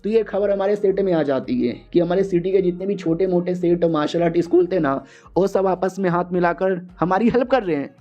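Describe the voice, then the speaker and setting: A man's voice: sits high, a little fast, warm tone. A man retelling a manga story in a chatty, casual recap style, talking to his viewers. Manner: chatty, talks to the audience as "our main character". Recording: muffled lo-fi audio.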